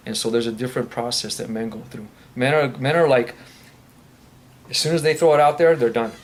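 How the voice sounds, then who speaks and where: In a meeting room, a man speaking for a recovery ministry earnestly answers audience questions at a faith-based recovery meeting, rambling and restarting often. His mid-range voice has fairly even intonation and a slightly fast pace, with a little hiss or hum in the audio.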